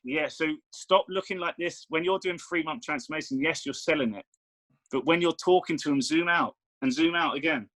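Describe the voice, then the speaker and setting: A man's voice: fairly high pitch, brisk, fairly bright tone, no room sound, poor audio. Man explaining, dry close sound. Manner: explanatory, persuasive. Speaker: meditation coach. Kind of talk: casual chat.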